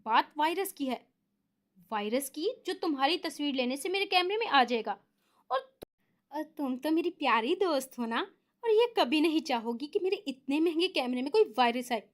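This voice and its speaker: A cheeky young man who teases and boasts with mock innocence. A woman narrator voices him in her own high, lively tone. His lines swing between sweet and smug. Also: moderate pace. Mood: teasing.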